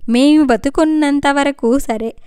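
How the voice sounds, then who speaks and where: A worried, tearful middle-aged mother, read by a woman storyteller, pleading as she talks. Her voice sits high. The sound is dry and close. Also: measured pace, mellow, no room sound. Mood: anxious. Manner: emotional, pleading.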